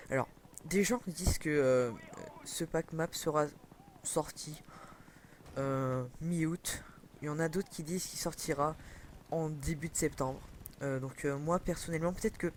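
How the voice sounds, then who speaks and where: A man's voice: a little high, a little hiss or hum. A young man commenting casually on a video game over a headset, rambling with many fillers and self-corrections. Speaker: gaming commentator.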